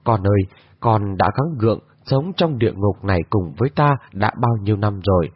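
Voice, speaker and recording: A man's voice: on the low side, lively intonation, brisk, breathy edge, dry recording. A man reading a storybook voices a middle-aged noble lady who laments her long suffering. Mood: lamenting. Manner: lamenting, mournful. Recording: dull lo-fi recording.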